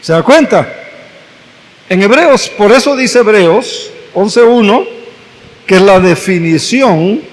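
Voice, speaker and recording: A man with a high voice preaches at an unhurried pace, leaning on each phrase and repeating it for emphasis. His words ring out with a long reverb through a church hall. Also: animated. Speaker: pastor. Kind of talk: sermon.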